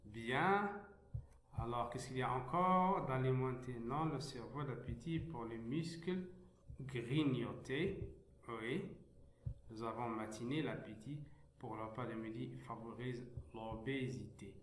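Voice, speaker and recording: A man teaching French reading, reading slowly, breaking words into syllables and repeating them. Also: mid-range voice, a little hiss or hum. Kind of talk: slow reading lesson. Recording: echoey room.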